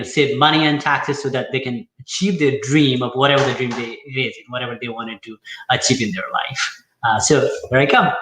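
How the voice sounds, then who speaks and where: Bright-voiced man from Nepal, echoey room. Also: mid-range voice. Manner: hesitant, lots of fillers and restarts. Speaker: guest, accountant. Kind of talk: casual interview talk.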